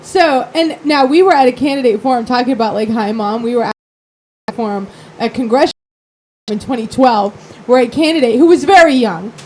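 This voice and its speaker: A woman's voice: high-pitched, expressive, brisk, a little mellow, a little hiss or hum. A woman co-hosting a casual political talk show, chatty and giggly. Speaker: co-host.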